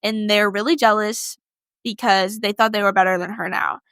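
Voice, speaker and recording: With a medium-pitched, somewhat bright voice and fairly even intonation, this young podcast co-host tells a myth in a loose, slangy way at a moderate pace, leaning heavily on "like." There's no echo in the recording.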